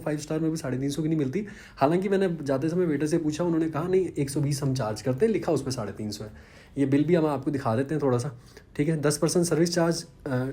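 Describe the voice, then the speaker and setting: A man's voice: mid-range voice, mellow. A man, chatting casually in a vlog and poking fun at himself. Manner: chatty, self-deprecating, conversational. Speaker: vlogger.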